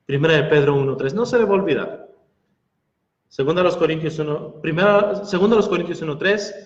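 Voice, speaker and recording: High-voiced preacher man in an echoey hall. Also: a bit bright. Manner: argues through Bible verses and rhetorical questions. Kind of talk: sermon. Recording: echoey hall, dull lo-fi sound.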